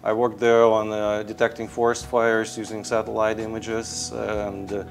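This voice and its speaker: Speaking over music, this guest has a fairly low, monotone voice with vocal fry and a moderate pace. He's a tech founder from Russia in his thirties, with a Russian accent, hesitant and filler-heavy in his interview answers. The recording comes from a lapel mic on an indoor studio set.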